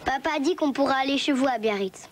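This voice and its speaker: A woman's voice: high voice, quick pace, a loud crowd, close to an everyday voice. An actress voicing a defiant, rebellious teenage girl in a cartoon. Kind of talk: cartoon voice acting.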